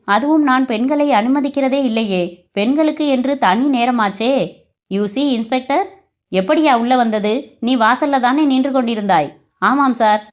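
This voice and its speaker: A woman with a fairly high voice reads a crime novel aloud from start to finish. The narration and every character's lines come out in her same natural voice, without putting on separate voices.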